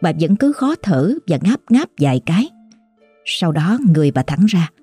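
A woman narrating a horror story in an emotive, dramatic manner, over soft background music. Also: on the low side, big pitch swings, normal speed, slightly rough, no echo.

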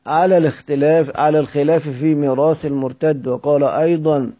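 A man teaching from a classical book, reading it aloud in a measured way and going back to repeat or correct words. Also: on the high side, steady tone, warm tone. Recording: dull lo-fi recording.

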